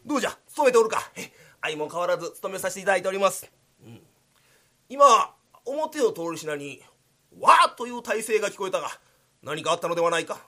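A man voicing a stern male samurai on night patrol who shouts and pounds on a door. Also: high voice, expressive, brisk, heavily acted.

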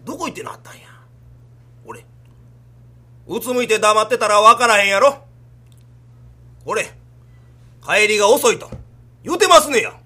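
A man's voice: high-pitched, normal speed, pauses often, pushed and bright. A man voicing a fretful older merchant father with a Kansai accent, scolding his son in rakugo storytelling. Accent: Kansai Japanese. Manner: scolding, exasperated.

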